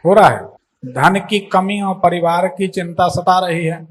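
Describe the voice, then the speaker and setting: A man's voice: high-pitched, unhurried, husky. A man working as an astrologer, taking a caller's questions and pressing her with leading questions. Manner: assertive, leading questions, talks over the caller. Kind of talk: live call-in astrology consultation.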